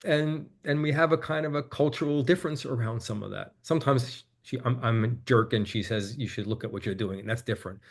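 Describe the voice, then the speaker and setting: A man, a guest on an interview, telling a personal story in a candid, reflective way and growing animated as he quotes his own conversations. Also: medium pitch, fairly quick, creaky, few pauses.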